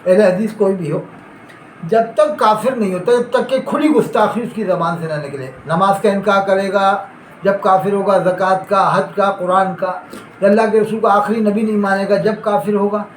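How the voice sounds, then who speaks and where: A man's voice: sits high, normal speed. A man preaching a sermon, arguing with rhetorical questions and rising emphasis. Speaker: Islamic preacher. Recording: echoey hall, faint background noise.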